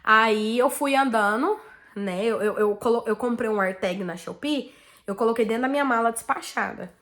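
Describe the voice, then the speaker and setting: A woman's voice: on the high side, moderate pace. A Brazilian woman vlogger with a Brazilian Portuguese accent, chatting casually and animatedly as she tells her viewers a personal story. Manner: chatty, animated, peppered with "tipo assim" and "né".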